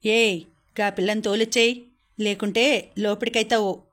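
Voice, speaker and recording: A woman voicing a gruff, irritated middle-aged husband in an audiobook story. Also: mid-range voice, steady tone, moderate pace, a bit bright, close to an everyday voice.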